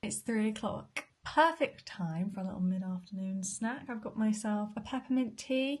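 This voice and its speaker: A young British woman taste-testing food for her vlog, chatting casually between bites and sometimes dropping to a half-whisper. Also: medium pitch. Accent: British English. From Britain. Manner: chatty, eating while talking, drops to half-whispers. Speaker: food vlogger.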